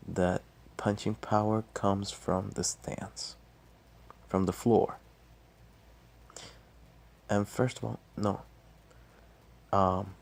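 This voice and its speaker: A man speaks quietly, as if late at night, in a low voice with heavy fry. He explains things casually on his own, very slowly, with halting pauses in the middle of phrases. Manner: halting, pausing mid-phrase. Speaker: martial arts vlogger. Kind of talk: casual solo talk explaining fighting technique.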